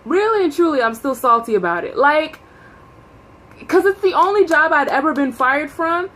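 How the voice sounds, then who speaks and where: A woman telling a casual, gossipy storytime into her phone, animated, with dramatic emphasis and acted-out dialogue. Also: high-pitched, moderate pace. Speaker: vlogger telling a personal story.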